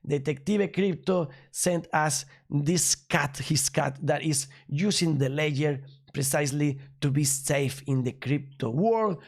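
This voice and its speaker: A man from Spain with a Spanish accent, a native Spanish speaker hosting a news commentary show in an upbeat, emphatic, slightly halting way. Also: fairly high pitch. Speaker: crypto news channel host.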